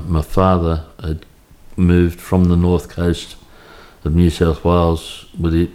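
Being interviewed for an oral history at his Cremorne home in Sydney, a fifty-something Australian man recalls his childhood through anecdotes. He keeps stopping and starting over, circling back, while his low, dark, mellow voice remains flat and level.

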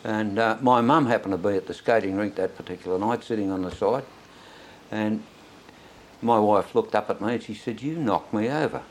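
An old Australian man with a fairly low voice reminisces as a veteran looking back on his life. He tells it in a rambling, anecdotal way, as in an oral history interview, with noticeable noise behind him. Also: steady tone, fairly quick, darkish tone, rough recording. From Sydney, Australia. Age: elderly.

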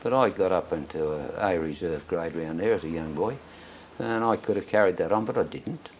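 A man's voice: low-pitched, moderate pace, a little hiss or hum. An elderly Australian man, an old veteran remembering his younger days in a rambling, anecdotal way for an oral history. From Sydney, Australia. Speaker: interviewee, war veteran.

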